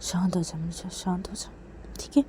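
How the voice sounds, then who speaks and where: A woman doing a steady reassuring woman friend. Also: lowish voice, normal speed, in a whisper, lightly acted. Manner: gentle, repetitive pleading.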